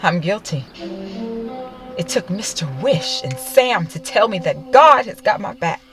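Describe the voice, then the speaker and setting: An actress plays a remorseful churchwoman confessing her failings. She speaks slowly. Music plays clearly underneath. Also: mid-range voice, expressive, lightly acted. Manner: remorseful, self-reproaching. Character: guilt-ridden churchwoman praying.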